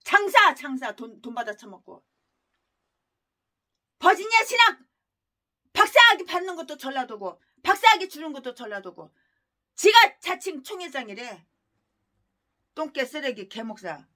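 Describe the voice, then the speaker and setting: Woman pastor, sermon, very high and sharp-toned, harsh scolding delivery full of rhetorical jabs. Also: very animated, normal speed, pauses often. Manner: scolding, crude insults and rhetorical questions. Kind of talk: expository sermon.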